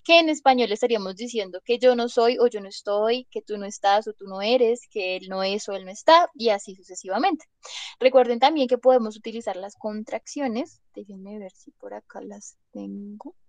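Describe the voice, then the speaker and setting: A woman with a mid-range, slightly mellow voice teaches an English class at a moderate pace. She is chatty, explains through lots of examples, and asks "¿listo?" to check on her students.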